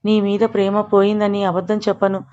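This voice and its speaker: A woman reading as a gentle lovelorn young man. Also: mid-range voice, level tone, fairly quick, close to an everyday voice. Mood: tender. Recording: dull lo-fi recording.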